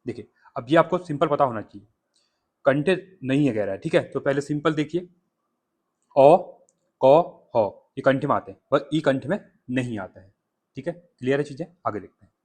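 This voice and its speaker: A man tutoring exam candidates through a past paper, explaining step by step and sounding out letters slowly, often checking in with "theek hai". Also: mid-range voice, animated, darkish tone, husky.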